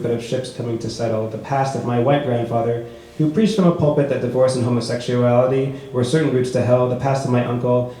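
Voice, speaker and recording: A man reading his own prose poetry aloud at a book launch, with a measured, rhythmic delivery. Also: mid-range voice, dark tone. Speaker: author reading his work. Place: bookshop event space. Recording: echoey room with faint noise.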